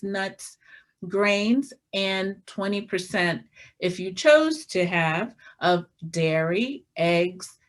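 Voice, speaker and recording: Slow, methodical woman listing foods. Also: medium pitch. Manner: slow, listing items one by one with fillers; showing foods from her pantry. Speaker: health presenter. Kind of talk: informal health talk.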